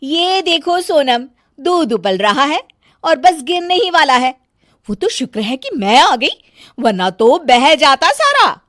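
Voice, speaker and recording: A woman voicing a bossy, fault-finding young wife in a cartoon, shrill and scolding. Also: big pitch swings, slow, a bit bright, no room sound, clean studio sound, full character voice.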